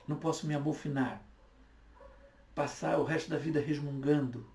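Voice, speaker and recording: A man's voice: on the high side, vocal fry, dark tone. A man in his fifties preaching a sermon as a pastor, urging his listeners on in earnest and often repeating himself. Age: 50s. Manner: earnest, repetitive exhortation. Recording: echoey room, voice from far off.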